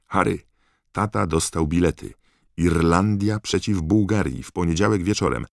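Guy doing an excited teen boy rattling on in his letter, gravelly deep voice, dry sound. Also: normal speed, no echo. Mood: eager. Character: eager chatty teenage boy writing to his friend. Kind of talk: audiobook character reading.

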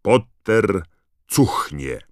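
A man's voice: slow, vocal fry, no echo, clean studio sound, exaggerated voice. A man doing a sneering schoolboy bully. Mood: taunting. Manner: mocking, taunting, shrill.

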